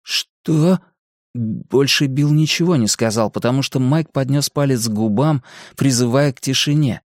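A man narrating an audiobook in a steady, measured reading voice. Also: medium pitch, no echo, clean studio sound.

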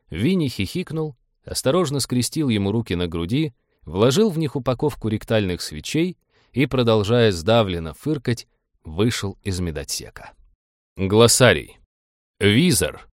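A man narrating an audiobook in steady, even storytelling. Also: mid-range voice, moderate pace, dry recording, clean studio sound.

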